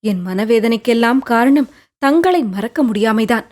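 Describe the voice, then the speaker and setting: Her fairly high voice has lively intonation and a darkish tone, moving at a normal speed and sounding natural. She is voicing an audiobook character, a lovelorn young woman who tells of her sorrow with wistful, plaintive earnestness.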